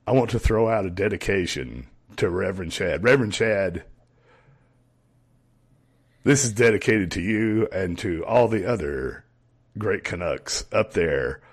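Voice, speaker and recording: A man chatting casually as host of a call-in show. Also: deep voice. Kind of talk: casual chat.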